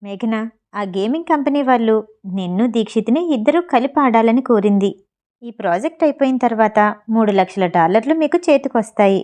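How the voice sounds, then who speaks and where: A woman reading the lines of a brisk, businesslike female talent manager. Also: a little high, expressive, warm tone, close to an everyday voice.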